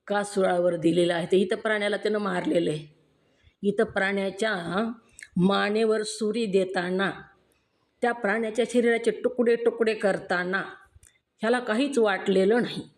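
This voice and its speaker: A woman with a Marathi accent reads a devotional scripture discourse, earnest and emphatic, putting rhetorical questions to her listeners. Her voice is mid-range, with a steady tone and moderate pace.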